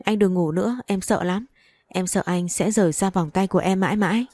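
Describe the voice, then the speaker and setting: A woman voicing a frantic young wife in a read-aloud story, pleading in quick, breathless bursts. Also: medium pitch, a little mellow, dry recording, close to an everyday voice. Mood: desperate pleading.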